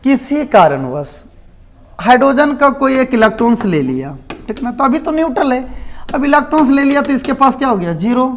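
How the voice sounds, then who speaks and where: A man's voice: extremely high pitch, big pitch swings, fast, a little hiss or hum. A male chemistry teacher with a Jharkhand Hindi accent, giving a classroom lecture and often checking in with his students and answering his own questions.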